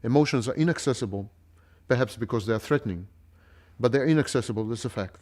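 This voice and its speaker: Detached, clinical man with a dark voice. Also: mid-range voice, quick pace. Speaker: interviewee. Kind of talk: confessional interview.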